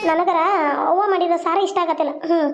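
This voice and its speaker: A young college girl in a village cartoon, quick and urgent, with a North Karnataka Kannada accent, as a woman puts her on. Her voice is very high and rings in an echoey room. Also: fairly even intonation. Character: young college-going girl, the mother's sister.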